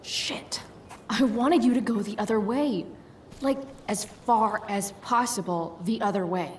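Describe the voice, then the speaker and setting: A woman's voice: medium pitch, measured pace, a little hiss or hum, natural voice. An actress voicing a sarcastic, awkward, rebellious teenage girl in a video game, with hesitant, slangy, muttered delivery. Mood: wry, muttering.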